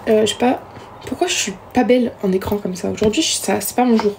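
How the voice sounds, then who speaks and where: A woman's voice: mid-range voice, fast, creaky, noisy background. A young woman chatting casually with viewers during a live stream, self-mocking and talkative, recorded on a phone at home. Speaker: livestreamer.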